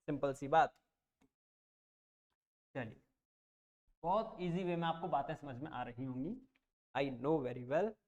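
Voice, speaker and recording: Teaching an online math class, a coaching teacher with a somewhat high voice takes each step slowly and reassuringly. He repeats the numbers out loud, checks that everyone understands and keeps his explanations simple.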